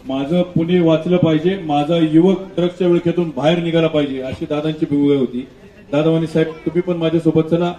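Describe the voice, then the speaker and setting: A man, a police representative, speaks over a PA loudspeaker to a crowd, dictating a public oath phrase by phrase. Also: a little high, roomy sound. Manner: measured, addressing a crowd. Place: outdoor festival gathering.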